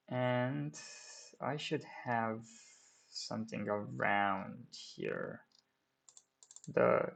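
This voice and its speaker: Seated at his desk, a man whose first language is Romanian records his screen while explaining a 3D modelling tutorial, often restarting and using fillers. He has a medium-pitched, gravelly voice with a fairly bright tone.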